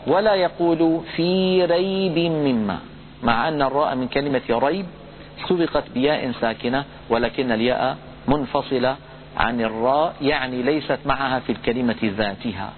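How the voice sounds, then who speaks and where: A man giving a recitation lesson, explaining pronunciation rules in a calm lecture and chanting example words slowly. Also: mid-range voice, a little hiss or hum. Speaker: Quran recitation teacher. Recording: tinny phone-like lo-fi audio.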